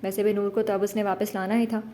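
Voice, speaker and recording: A woman narrating a romance novel as an audiobook in smooth, even storytelling. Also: mid-range voice.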